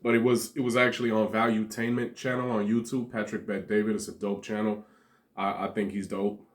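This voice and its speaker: A man's voice: fairly low pitch, little pitch movement, a little fast. A man from Montenegro giving a rambling, slangy commentary monologue as a vlogger, laughing between points.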